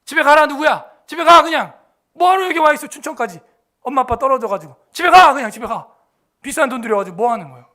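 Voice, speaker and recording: A strict youth football coach, as a pastor puts him on, barks scolding questions in a high, bright voice. He is harsh and pushes hard, firing off sharp demands one after another. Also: fairly even intonation, a little fast, vocal fry, full character voice.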